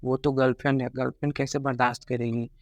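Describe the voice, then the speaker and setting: A heartbroken young man speaks haltingly in a personal vlog, stopping and restarting often. His voice stays flat and low-key, with little rise or fall. The sound is dry and close, with no room around it. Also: no echo, highs cut off. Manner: halting, many fillers and restarts, subdued and regretful. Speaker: vlogger.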